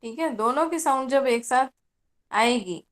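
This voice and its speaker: A woman's voice: sits high, measured pace. A woman teacher giving an online class lecture, patiently explaining and checking in with her students.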